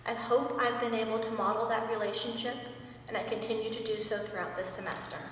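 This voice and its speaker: A woman's voice: on the high side, flat delivery, a little fast, heavy background noise. Woman speaking at a ceremony in an echoey hall. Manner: earnest, wry, emotional at times. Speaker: master sergeant giving a promotion speech. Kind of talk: ceremony speech. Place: large indoor hall. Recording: echoey hall, mic far off.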